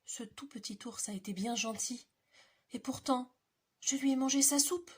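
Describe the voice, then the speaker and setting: A woman reading a storybook and voicing a little girl's thoughts in a soft, hushed way. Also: high voice, flat delivery, moderate pace, pitched above the performer's own voice, lightly acted. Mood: rueful. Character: little girl, thoughtful and sorry.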